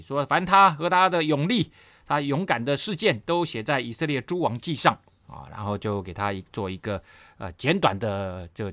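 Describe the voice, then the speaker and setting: A man teaching a Bible study, lively and repeating phrases for emphasis. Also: medium pitch, dry recording, studio quality.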